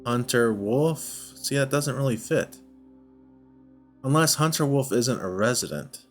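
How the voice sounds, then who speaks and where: With lively intonation and a measured pace, a mid-range male voice narrates a casual let's play. He thinks aloud and keeps questioning himself, backed by music.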